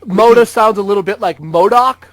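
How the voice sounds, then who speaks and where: A man's voice: high-pitched, normal speed, fairly bright tone, no room sound. A man co-hosting a casual gaming podcast, joking about doom in an overly dramatic way. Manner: dramatic mock-doom humor. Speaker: podcast co-host.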